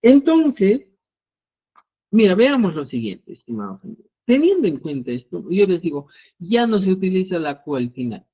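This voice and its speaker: A man's voice: high voice, sing-song, normal speed, breathy edge. Man teaching over tinny call audio. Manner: instructive, keeps checking in with "¿ya?". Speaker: Quechua writing teacher. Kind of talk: online class lecture.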